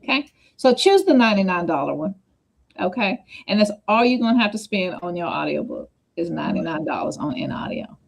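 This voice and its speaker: Chatty woman talking fast and scattered. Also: on the low side, big pitch swings, gravelly. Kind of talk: casual livestream chat.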